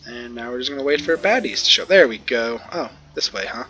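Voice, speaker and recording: Male gamer, let's play commentary, chatty and jokey, bright forceful tone. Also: medium pitch, animated, quick pace, soft background music. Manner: chatty, joking, full of ums and ohs.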